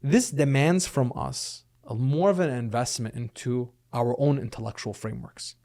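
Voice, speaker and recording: A man's voice: mid-range voice, moderate pace, dark tone. Earnest man explaining, asking "right?". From Lebanon and the United States. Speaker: guest, attorney and speaker. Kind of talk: podcast interview.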